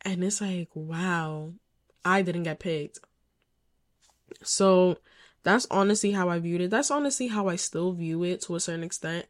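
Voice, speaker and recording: A woman's voice: on the low side, unhurried. A young woman candidly telling a personal story as a podcast host, emphatic and swearing often.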